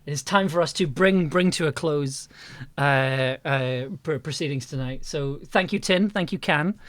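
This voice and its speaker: Wrapping up a livestream, the host chats casually at a normal speed in a mid-range voice, sounding a little hesitant and frequently repeating phrases.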